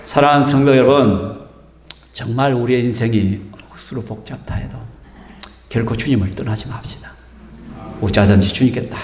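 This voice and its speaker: A man's voice: mid-range voice, darkish tone, a little hiss or hum. A male pastor from South Korea, preaching a sermon with emphatic rhetorical questions in a church sanctuary. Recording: echoey church hall, faint music.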